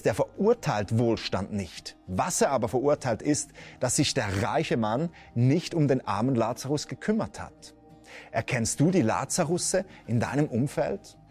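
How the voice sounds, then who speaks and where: A man's voice: mid-range voice, a little mellow, breathy edge. A man preaching a sermon to a video audience. He earnestly asks the viewer direct questions and drops in casual interjections. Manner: colloquial interjections.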